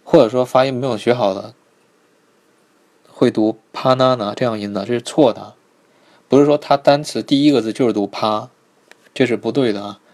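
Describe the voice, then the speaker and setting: A man teaching a live online pronunciation lesson, patiently repeating each sound slowly and checking in with his students. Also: medium pitch, darkish tone. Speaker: Korean language teacher.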